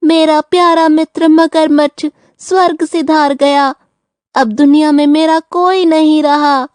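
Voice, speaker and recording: A crafty tortoise friend, high-voiced and slow-spoken. He is part of a storybook audio play, recorded dry and close. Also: expressive, dry recording. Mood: fake grieving.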